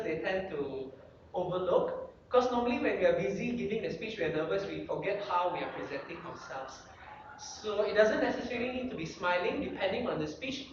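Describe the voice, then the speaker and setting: A guest speaker coaches a club meeting on speech craft, posing checklist questions with a voice that rises and falls a lot. The sound is distant and dull, as if caught from across a hall. A strong echo and faint noise sit behind it. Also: mid-range voice. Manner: animated coaching delivery, rhetorical checklist questions. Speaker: guest speaker giving public speaking tips. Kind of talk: motivational speaking workshop talk. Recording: very echoey room, distant dull lo-fi mic.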